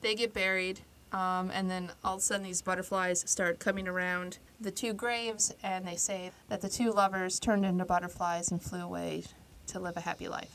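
A woman co-hosting a podcast, casually retelling a story with lively acted-out quotes. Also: on the low side, moderate pace, hardly any pauses, a little hiss or hum. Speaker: podcast co-host.

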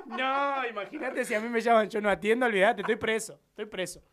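A man's voice: high voice, steady tone, fairly quick, a crowd in the background. Joking Rioplatense radio host man. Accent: Rioplatense Spanish. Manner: joking, rambling, Argentine slang. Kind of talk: casual radio banter. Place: radio studio.

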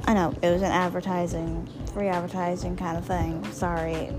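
A woman with a gravelly, slightly hoarse voice, rambling informally as she gives casual advice as a solo podcast host, repeating phrases for emphasis. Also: fairly low pitch, flat delivery, normal speed, music in the background. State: hoarse, voice partly lost.

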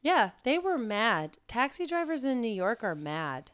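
A woman's voice: fairly high pitch, big pitch swings, unhurried, fairly bright tone. A young woman telling stories in a casual chat, blunt and full of "like"s. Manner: blunt, laughing storyteller, many "like"s.

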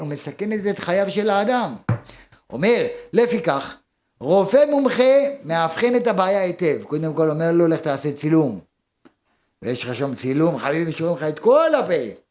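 A rabbi giving a Torah lesson in a fairly high voice. He piles up rhetorical questions, rising to urgent emphasis and then dropping to a low, quiet delivery. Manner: rhetorical questions, swings from loud to hushed.

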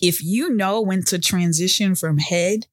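A woman hosting a podcast in casual chat, animated and laughing with lots of affirming hums. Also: on the low side, measured pace, dry recording, studio quality. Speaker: podcast host.

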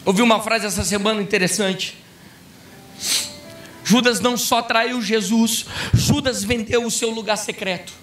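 High-voiced pastor preaching fervently. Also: male voice, steady tone, normal speed, distant mic, soft background music. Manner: fervent preaching, bursting into shouts. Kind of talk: impassioned sermon. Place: church conference hall.

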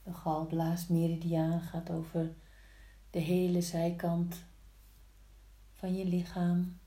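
A woman guiding a yoga practice slowly, in a soft, soothing, hushed voice with long pauses between short instructions. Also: fairly low pitch, completely flat delivery. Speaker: yin yoga teacher. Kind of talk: slow guided yoga instruction. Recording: roomy, echoing sound.

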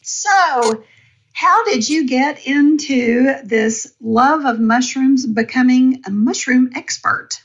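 A woman's voice: high voice, slow, dull audio. A woman hosting a casual podcast interview, bubbly and enthusiastic, talking from her home. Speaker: podcast host. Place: home in the woods.

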